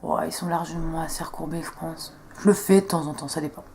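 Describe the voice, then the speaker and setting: Her voice sits low and steady, fast and creaky with a slightly mellow quality, over a little hiss or hum. The young woman, a beauty vlogger, chats casually and self-mockingly while talking viewers through each step of a makeup tutorial.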